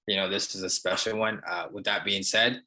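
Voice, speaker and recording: A young barber and entrepreneur, who grew up elsewhere after leaving Sri Lanka as a child, answers interview questions casually as a guest. His very low voice has a bright, forceful edge and a steady tone, but he halts often, using many fillers and restarting sentences. The recording quality is low.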